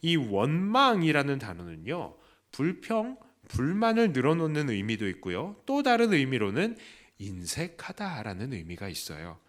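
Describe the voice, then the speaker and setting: A man's voice: wildly swooping pitch, normal speed. A man preaching a Sunday sermon as pastor, asking the congregation questions and acting out quoted voices. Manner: acts out quoted voices with raised pitch. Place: church.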